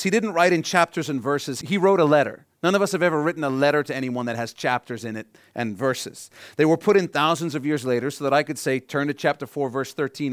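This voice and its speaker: A pastor preaches a sermon, reading scripture and explaining it while asking the congregation questions. He gets loud on key phrases, then drops low and quiet to drive points home. The studio-quality recording has no echo.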